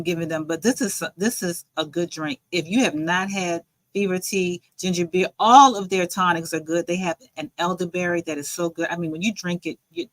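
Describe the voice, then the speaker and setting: A woman's voice: lowish voice, a bit bright, no room sound, low-quality recording. Chatty woman hosting a livestream. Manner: chatty, rambling, reads viewer comments aloud. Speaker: livestream host and joy coach. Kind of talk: casual livestream chat.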